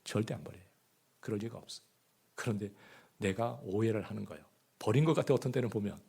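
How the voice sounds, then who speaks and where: A man preaching a sermon as pastor, often asking the congregation rhetorical questions, swinging between loud emphasis and hushed asides. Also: on the low side, fast talker, vocal fry, slightly rough. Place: church.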